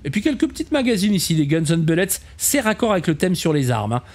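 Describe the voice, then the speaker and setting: A man's voice: high voice, big pitch swings, quick pace, a little mellow. Chatty man touring a game camp. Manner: chatty, calls viewers "les enfants"; self-mocking asides. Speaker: game camp tour host. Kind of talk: casual gameplay commentary.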